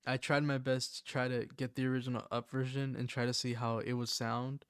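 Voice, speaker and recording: A man's voice: mid-range voice, flat delivery, brisk, fairly bright tone, clear, resonant tone, no room sound, studio quality. A man hosting a live stream, chatting casually and rambling with lots of "like" and "um". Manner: rambling, lots of likes and ums. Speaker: livestream host.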